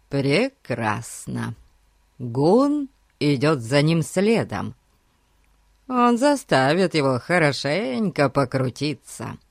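A man reading a story aloud in a measured, expressive way. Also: fairly high pitch, no echo, clean studio sound. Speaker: narrator.

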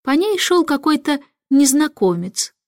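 Woman reading a storybook, lively. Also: high-pitched, a little slow, dry recording, studio quality. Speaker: reader. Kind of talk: storybook narration.

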